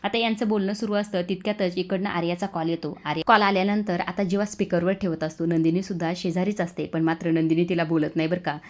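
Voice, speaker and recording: A woman's voice: fairly low pitch, steady tone, fast, hardly any pauses. A woman narrating a serial episode recap in a chatty, colloquial storytelling way, with asides to the listener.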